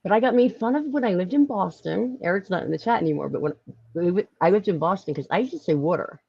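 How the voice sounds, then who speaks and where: A woman with a Philadelphia accent, hosting a casual live-stream chat, talkative and quick to laugh. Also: mid-range voice, gravelly, breathy edge, no echo, muffled recording. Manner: chatty, lively, laughs often, many fillers. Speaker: podcast host.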